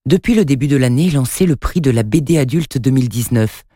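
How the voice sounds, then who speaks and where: A man narrating a storybook in a steady, even reading voice. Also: medium pitch, fairly quick, no room sound, clean studio sound. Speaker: narrator and radio presenter.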